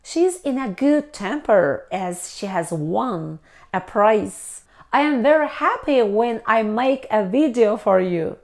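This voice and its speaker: A woman teaching English, reading short example sentences in a careful, deliberate way. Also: on the high side, lively intonation, a little mellow. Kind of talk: slow scripted lesson reading example sentences.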